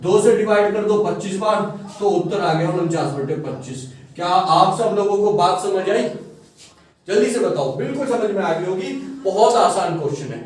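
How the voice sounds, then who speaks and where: Male maths tutor, high-pitched, coaxing, recorded far from the mic. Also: lively intonation, normal speed, a little mellow. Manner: coaxing, keeps checking students follow. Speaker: maths teacher. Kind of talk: classroom-style maths lesson. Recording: echoey room, far from mic.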